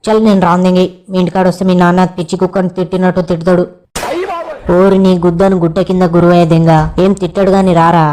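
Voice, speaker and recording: Fast-talking young man. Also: high voice, flat delivery, darkish tone, a little hiss or hum. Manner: cheeky crude banter. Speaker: comedy skit creator. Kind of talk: village comedy skit acting.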